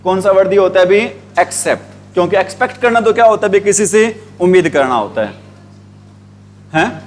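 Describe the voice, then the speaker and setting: A man's voice: high-pitched, lively intonation, a little hiss or hum. A man teaching English grammar, asking the same questions again and again and drawing out the words he spells. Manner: repetitive call-and-response questioning, drawn-out spelled words. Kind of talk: classroom grammar lesson in Hindi.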